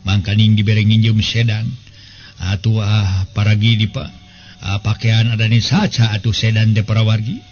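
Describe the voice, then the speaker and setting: Recorded close on a desk mic with slightly dull audio and faint noise, a man in his 70s tells a serial folk tale as storyteller and show host. His voice is on the low side and a little mellow, delivered flatly at normal speed in a conversational way.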